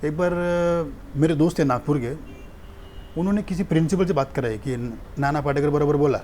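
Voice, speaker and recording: Man, comedian, animated anecdotes, higher voice, faint noise. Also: normal speed. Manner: animated, storytelling. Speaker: stand-up comedian and mimic. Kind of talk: casual interview.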